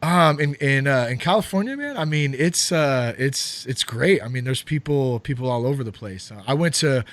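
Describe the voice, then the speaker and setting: Speaking at a normal clip with hardly any pauses, this podcast host in his thirties has a medium-pitched, expressive voice on a dry recording. His talk is casual and rambling, peppered with curse words and filler.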